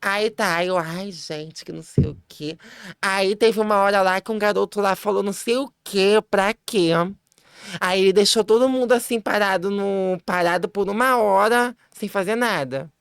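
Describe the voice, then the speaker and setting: A woman chats as a podcast guest and tells her story with lively, laughing energy. She restarts her sentences quickly and jumps into a high voice whenever she quotes someone. Her voice is smooth, and the sound is dry and close with no room in it. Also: no echo. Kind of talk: casual storytelling chat.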